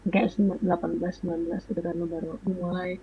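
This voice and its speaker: A woman's voice: on the low side, little pitch movement, quick pace, slight background noise. Chatty young woman venting, lo-fi. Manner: chatty, venting, mixes in English phrases. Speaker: podcast co-host. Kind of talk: casual late-night chat.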